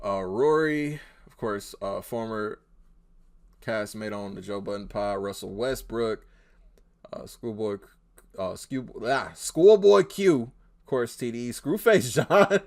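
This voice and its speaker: A man reacting casually to a video, laughing often and getting loud and excited as he talks back to it. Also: fairly low pitch, takes it slowly, creaky. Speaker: reaction streamer.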